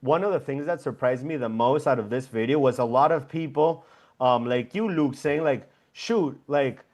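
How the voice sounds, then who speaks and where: A man's voice: medium pitch, normal speed, a little mellow. A young man from Venezuela, a founder being interviewed over a video call, talking reflectively with many fillers. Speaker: guest founder. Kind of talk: casual interview.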